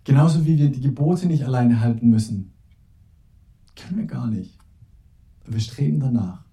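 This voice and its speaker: A man gives an earnest, pastoral sermon in a very dark, mellow voice. He is set back from the microphone, and the room gives off a clear echo. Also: medium pitch. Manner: earnest, pastoral, slows to a soft hush for prayer. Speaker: preacher. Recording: echoey room, mic at a distance.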